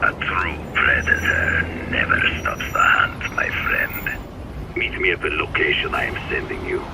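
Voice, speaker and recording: A man voicing a solemn, predatory big-game hunter in a video game, with a gravelly bass and deliberate, grandiose phrasing. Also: big pitch swings, heavy background noise, heavily acted. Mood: cool, approving. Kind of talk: video game cutscene acting. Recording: loud music behind the voice.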